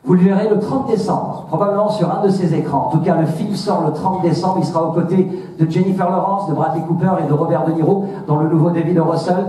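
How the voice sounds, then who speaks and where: A man's voice: fairly high pitch, warm tone. A man hosting a ceremony on stage, introducing guests in an emphatic, showmanlike way. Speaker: ceremony host. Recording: echoey hall, distant, crowd, faint noise.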